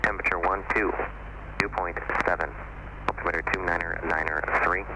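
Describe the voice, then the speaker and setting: A deep male voice reads out an airport weather broadcast over the aircraft radio. Each figure comes in a flat, clipped way. It is heard through a radio with loud helicopter engine noise all around. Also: a little fast. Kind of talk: recorded airport information broadcast.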